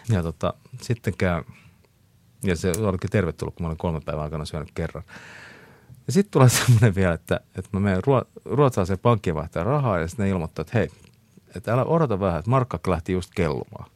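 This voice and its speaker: Deep-voiced chatty man. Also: darkish tone, no room sound. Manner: chatty, laughs often, many fillers and restarts. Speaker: guest. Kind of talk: casual storytelling interview.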